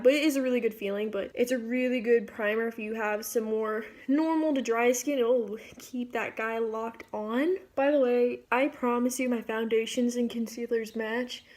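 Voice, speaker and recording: Female beauty vlogger, higher register, casual rambling makeup-tutorial chat. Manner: informal, rambling, self-interrupting asides.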